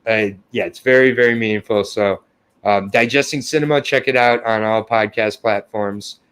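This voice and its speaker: A man's voice: lowish voice, normal speed, fairly bright tone, clean tone. A young adult man co-hosting a podcast, talking casually with profanity and getting flustered. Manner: profane, self-deprecating, flustered. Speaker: podcast co-host. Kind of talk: casual chat.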